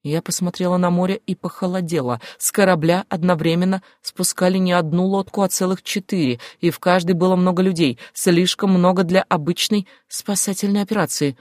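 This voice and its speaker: Woman reading a novel out loud, first person, even pace, dry close mic. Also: lowish voice, brisk, hardly any pauses, no echo. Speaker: audiobook narrator. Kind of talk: scripted first-person narration.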